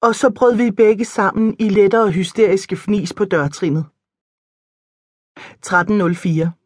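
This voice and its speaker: A woman narrating a comic novel in first person, in a lively, storytelling manner. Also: mid-range voice, breathy edge, no echo. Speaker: audiobook narrator. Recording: dry close studio sound.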